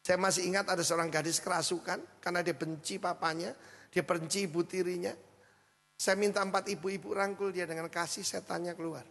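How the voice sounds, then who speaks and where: A middle-aged pastor tells a story in a sermon, high and gravelly. He speaks with a lively storyteller's manner and keeps turning to the congregation. His voice rings in a large church hall over a faint electrical hum. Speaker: senior pastor. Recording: hall reverb with mains hum.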